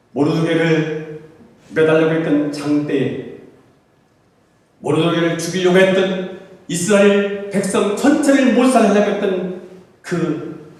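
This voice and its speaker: A man's voice: fairly high pitch, a little mellow, distant mic. A man, a pastor, preaching a sermon with impassioned delivery that swells into fervent cries, recorded in a church sanctuary. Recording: echoey church hall, voice from afar.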